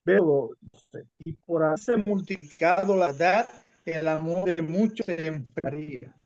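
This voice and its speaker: Man, slow scripture reading, call audio breaking up, dull lo-fi sound, remote connection. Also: fairly high pitch, a little mellow. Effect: online call audio breaking up. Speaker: scripture reader. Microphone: remote internet call.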